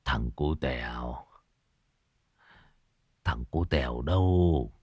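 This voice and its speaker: A man's voice: extremely low pitch, very animated, normal speed, breathy edge, dry recording, clean studio sound, pitched below the performer's own voice, full character voice. A man voicing a weary, stern old patriarch in a spoken ghost story, crying out in grief and muttering in exhaustion. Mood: hushed urgent.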